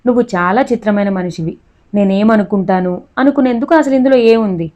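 A woman's voice: medium pitch, fairly quick, darkish tone, highs cut off, lightly acted. A woman reading the lines of a reserved young man who answers tersely and dryly.

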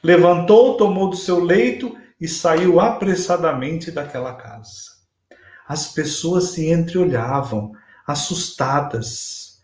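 In this spiritist religious lecture, a Brazilian man in his fifties speaks with a Brazilian Portuguese accent, a darkish tone, and a pitch that sits fairly high for a male voice. He tells the story slowly and deliberately, with measured emphasis. A webcam at desk distance captures him over a video call, and the small home room sounds roomy and echoey.

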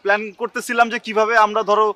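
Fast, bright-voiced blustering man. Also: high-pitched, flat delivery, smooth, no room sound. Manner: blustering, pleading, dramatic. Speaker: comedy sketch performer. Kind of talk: scripted comedy skit.

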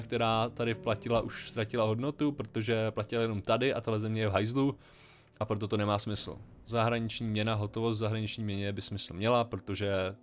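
Casual man thinking aloud over a game. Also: fairly low pitch. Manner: thinking aloud, chatty and wry. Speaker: let's play gamer.

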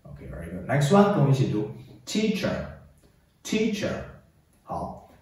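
Lively man teaching English, echoey room. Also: medium pitch, fairly quick. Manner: drills phrases, repeats "very good", coaxes repetition. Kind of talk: classroom-style English lesson. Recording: echoey room, distant mic.

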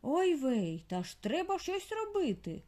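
A woman voicing an old, half-deaf male mole healer who shouts and asks everything twice, in an audiobook for children. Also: high-pitched, huge pitch swings, a little slow, pitched above the performer's own voice, full character voice. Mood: excited. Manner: shouts and asks again, fussy. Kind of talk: audiobook character voice.

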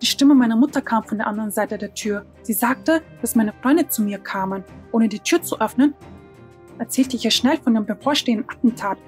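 A woman's voice: a little high, fairly quick, darkish tone, faint music behind. A woman narrating a tense first-person story in a dramatic storytelling manner.

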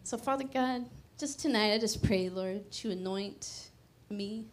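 Preaching into a handheld mic on a church stage, a woman speaks a little slowly in a medium pitch. She is emphatic and conversational, then her voice falls to a hushed prayer.

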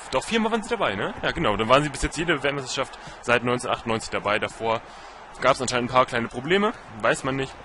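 A man's voice: mid-range voice, background noise. A young man giving casual, rambling commentary over a football video game, full of fillers and self-corrections. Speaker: gaming commentator.

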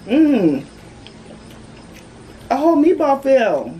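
A woman's voice: high-pitched, very animated, takes it slowly, poor audio. A woman chatting and giggling between bites in a casual mukbang video, with her mouth full of pizza. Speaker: vlogger co-host. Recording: loud outdoor traffic noise.

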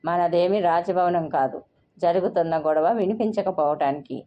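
A woman's voice: mid-range voice, moderate pace, natural voice. A woman voicing a firm, exasperated elder sister in a dull lo-fi recording. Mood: stern exasperated. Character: young woman, weary, stern elder sister.

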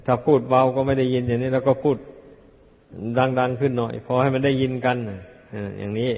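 An older man, a Buddhist monk, giving a plain, unhurried dharma talk that admonishes his disciples. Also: medium pitch. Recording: dull lo-fi archive recording in a reverberant hall.

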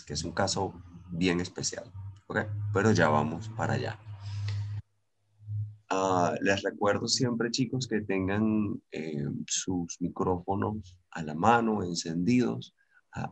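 A man's voice: low-pitched, a little slow, husky. A man with a Venezuelan accent teaching English in an online class, switching between Spanish and English, patient and encouraging.

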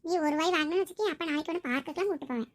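A woman's voice: high voice, racing, close to an everyday voice. Woman playing an exasperated father. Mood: coaxing. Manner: coaxing then scolding, exasperated. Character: stern impatient father feeding his little son.

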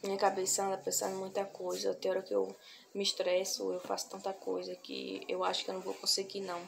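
Sitting on a couch in a small home room, a young woman records a casual, heartfelt vlog on a phone camera held at arm's length, and the sound is noisy. She speaks softly in a mid-range, monotone, gravelly voice, often stopping to collect her thoughts and going over the same words again.

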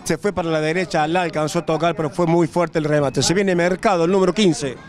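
An Argentine man provides live match analysis as a football co-commentator. His voice sits quite high. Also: fairly even intonation, a little fast. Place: outdoors at a small football ground.

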